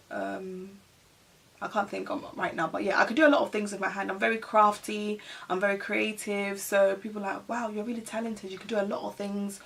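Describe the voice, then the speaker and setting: Rambling through a casual get-to-know-me vlog, a woman from Ghana leans heavily on "like" and "you know." Her voice is medium-pitched and gravelly, picked up a bit far from the microphone.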